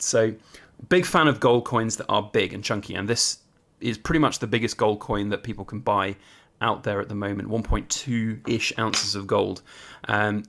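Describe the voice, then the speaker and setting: Chatty British man hosting a collector vlog. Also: medium pitch. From United Kingdom. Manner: chatty, conversational, informal. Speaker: coin collector and video host. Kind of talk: casual enthusiast vlog.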